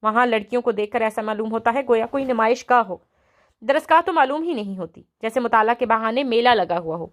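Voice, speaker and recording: A woman voicing a modest, shy young village woman with quiet disapproval, in a storybook reading. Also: fairly high pitch, close to an everyday voice. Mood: disapproving.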